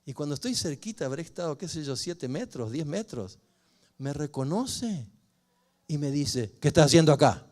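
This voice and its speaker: Older pastor telling a story. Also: male voice, on the high side, measured pace. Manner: storytelling, expressive, rises and falls with emotion. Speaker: pastor and family counselor. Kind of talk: personal testimony sermon.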